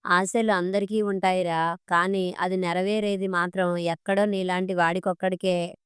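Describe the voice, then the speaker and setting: A woman's voice: lowish voice, flat delivery, normal speed, clear, resonant tone, no room sound, clean studio sound, natural voice. A woman voicing a young adult man teasing his friend in a storybook reading, in a chummy way.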